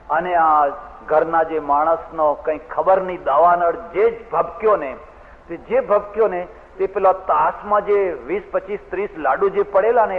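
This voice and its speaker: A male preacher gives an earnest devotional sermon and moves through stories with small asides. His voice sits a little high. It comes through thin and tinny, with the long echo of a large hall. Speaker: spiritual preacher, swami.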